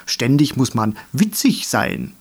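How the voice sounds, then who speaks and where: A man's voice: mid-range voice, sing-song, slow pace, creaky, slightly rough, heavily acted. A man voicing a cheeky, rowdy male dandelion in a storybook reading, teasing and playful.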